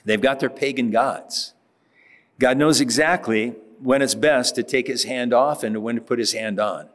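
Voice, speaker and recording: A pastor giving a conversational Bible-teaching sermon, reading scripture aloud and rising to emphatic moments. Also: male voice, medium pitch, normal speed, in a large hall.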